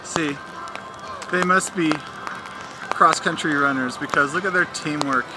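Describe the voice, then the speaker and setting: A man talking casually to a handheld camera outdoors, his voice sitting a little high for a man. He jokes and narrates as he walks around a rainy race course. Clear outdoor noise and passing traffic run under everything he says. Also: unhurried, over a noisy crowd. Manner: chatty, jokey, narrating while walking. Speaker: filmmaker documenting a race. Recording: noisy outdoor ambience with traffic.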